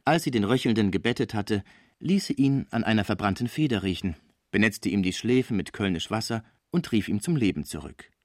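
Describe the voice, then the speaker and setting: A man's voice: fairly low pitch, expressive, brisk, darkish tone, no echo, studio quality. A man narrating a novel as an audiobook, reading expressively. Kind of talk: scripted narration.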